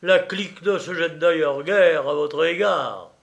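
Imagine a man playing a cunning small-town lawyer in a classic audiobook. He speaks up loud and persuasive, with an edge of malice. The voice stays close to the reader's own, a bit higher. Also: measured pace, gravelly. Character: scheming middle-aged provincial lawyer, sly.

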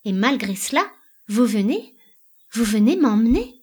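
A woman's voice: medium pitch, normal speed, close to an everyday voice. A woman voicing an anguished married woman in a dramatic play reading, pleading with panicked outbursts. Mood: terrified.

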